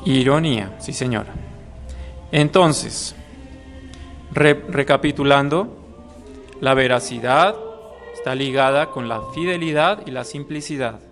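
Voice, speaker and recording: Male priest, mid-pitched, chatty catechism class, faint music underneath. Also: measured pace, pauses often. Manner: conversational, acts out little quoted voices, asks "¿mm?" often. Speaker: priest teaching adult catechesis. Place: room with a live audience.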